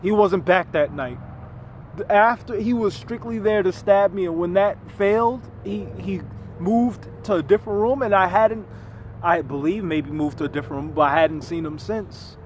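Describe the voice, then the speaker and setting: Man, higher voice, earnest rambling personal account with many restarts; faint street noise behind. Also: moderate pace. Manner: earnest, rambling, frequent restarts and repeated words. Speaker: vlogger telling his own story. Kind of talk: unscripted personal monologue.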